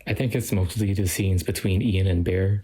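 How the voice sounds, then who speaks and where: A man's voice: deep voice, fairly even intonation, moderate pace, mellow, husky, rough recording. A young man giving a casual, self-deprecating film review read from a script.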